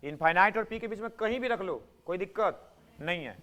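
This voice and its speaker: High-voiced man teaching physics. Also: brisk, a bit bright. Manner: prodding students to answer, repeating points. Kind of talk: classroom lecture. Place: classroom.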